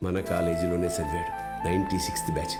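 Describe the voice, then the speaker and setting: An actor voices a somber man recounting sorrowful events. His voice is very deep and measured, slow and grave. Loud film music fills the background. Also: little pitch movement, close to an everyday voice. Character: somber male elder recounting a sad past. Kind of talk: Telugu film drama dialogue.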